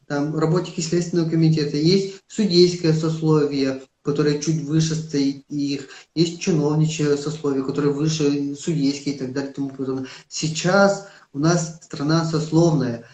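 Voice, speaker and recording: The voice is fairly high and darkish in tone: an earnest political candidate with a Yakut accent, emphatic yet hesitant and filler-prone. He is being interviewed on a live stream through a phone, and the room gives the audio an echo.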